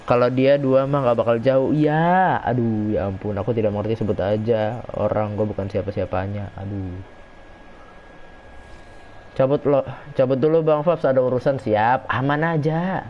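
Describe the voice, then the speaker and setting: Casual male streamer, mid pitch, reacts aloud to each play and reads chat, dull lo-fi mic with faint hiss. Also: normal speed. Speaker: gaming streamer. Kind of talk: casual live game commentary.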